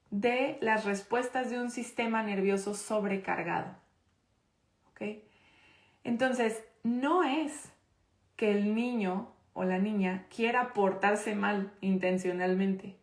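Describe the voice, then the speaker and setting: A woman's voice: mid-range voice, reverberant. A woman teaching a live online parenting class. She talks conversationally, checks in with her audience often and stresses her key points. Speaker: parenting course instructor.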